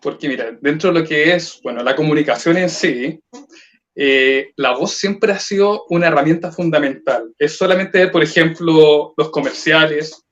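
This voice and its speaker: Male voice coach, explanatory lecturing tone, somewhat high pitch, dull call audio. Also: normal speed, fairly bright tone. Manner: explanatory, lecturing with rhetorical questions. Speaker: voice trainer. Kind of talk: online seminar talk.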